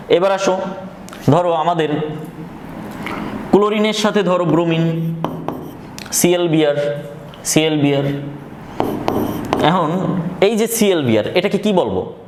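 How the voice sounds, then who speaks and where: A man teaching a chemistry lesson, asking questions and answering them himself, repeating key phrases slowly. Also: sits high. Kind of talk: recorded classroom lesson. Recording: echoey room with faint background noise.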